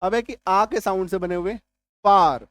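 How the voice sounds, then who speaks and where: A man's voice: high-pitched, steady tone, no echo. Patient male teacher drilling sounds. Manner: patient, repeats points and often checks if listeners follow; drills sounds by saying them slowly and repeating them. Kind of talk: explanatory classroom-style lesson.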